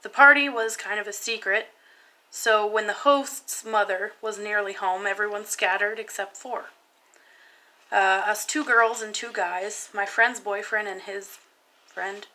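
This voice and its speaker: Young woman, bright and clear tone, hesitant spoken-word poem reading. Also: medium pitch, fairly even intonation, low-quality recording. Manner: soft, halting and hesitant. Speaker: vlogger.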